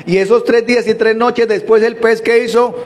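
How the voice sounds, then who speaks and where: A man's voice: very high-pitched, steady tone, normal speed. A man preaching a sermon, asking rhetorical questions and often restarting his sentences.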